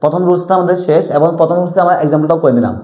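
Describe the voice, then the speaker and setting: A man's voice: on the high side, rapid-fire. A man teaching an English grammar lesson, repeatedly asking and answering his own questions. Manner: repetitive question-and-answer drilling. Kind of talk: classroom-style lesson explanation. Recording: tinny lo-fi audio in an echoey room.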